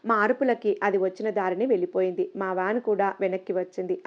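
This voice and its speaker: A woman narrating a first-person story in a soft, steady reading voice. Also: mid-range voice. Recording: slightly dull lo-fi audio.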